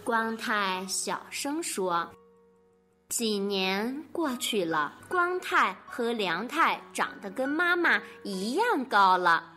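A woman narrating a picture-book story for children in an expressive storytelling manner. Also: fairly high pitch, takes it slowly, faint music behind.

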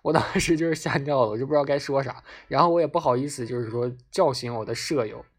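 A man telling a personal story in casual speech. He gets excited and repeats words for emphasis. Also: mid-range voice, fast talker, breathy edge, faint music behind.

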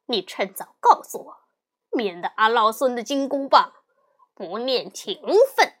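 A woman storyteller puts on a cocky male monkey king from a storybook, full of scorn and threats. He talks slowly and grandly. His pitch leaps up and down and sits a little high. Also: sing-song, pushed and bright, exaggerated voice. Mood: scornful. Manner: swaggering, threatening, scornful sneers. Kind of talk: storybook character voice.

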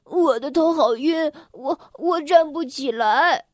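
A woman's voice: fairly high pitch, animated, unhurried, fairly bright tone, no room sound, clean studio sound. A woman voicing a bratty boy who bullies and jeers, then groans in pain. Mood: weak. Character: bratty mean boy bully, later weak and sorry.

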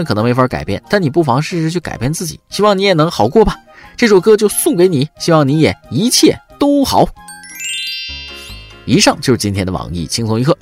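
Wildly animated wry male host. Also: a little high. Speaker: podcast host. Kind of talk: comedic news commentary.

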